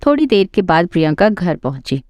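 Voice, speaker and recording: Lady reading a story out, low voice, dry close sound. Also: big pitch swings, brisk, a little mellow, dry recording. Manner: plain storytelling. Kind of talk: scripted narration.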